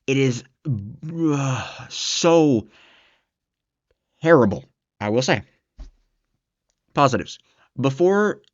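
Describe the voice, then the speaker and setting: A man in a middle register reviews a book off the cuff, cursing often and pushing his voice higher as his exasperation builds. The recording is muffled and lo-fi, with a dead, dry sound and no room around him. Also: no room sound. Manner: profane, exasperated ranting, voice climbing when worked up. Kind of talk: casual spoken book review.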